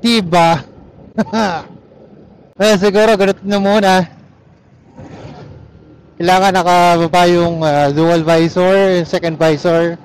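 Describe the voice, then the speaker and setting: His high voice is clear and resonant, steady in tone, slow, and full of pauses. He's a Filipino-accented motorcycle vlogger chatting loosely in easygoing Taglish while riding with his helmet on. The audio is poor, taken from a helmet intercom or action camera mic amid engine and road noise.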